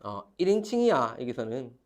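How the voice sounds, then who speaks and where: A man's voice: medium pitch, sing-song, moderate pace. A man teaching a grammar class, repeating key terms and calling on students to read. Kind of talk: classroom lecture.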